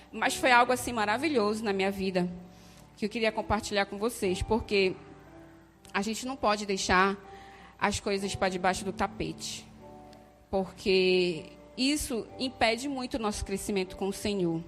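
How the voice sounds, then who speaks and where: A woman giving a heartfelt personal faith testimony, hesitant and often checking in with her listeners. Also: on the high side. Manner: heartfelt, hesitant, frequent "né?" tags. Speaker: church member giving testimony. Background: faint music.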